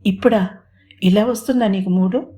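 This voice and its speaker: A composed young male police officer in a romantic audio storybook, steady and measured with a dry teasing edge, as a woman narrator reads him. The voice is mellow and warm. He sounds in control even when provoked. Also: medium pitch, lightly acted.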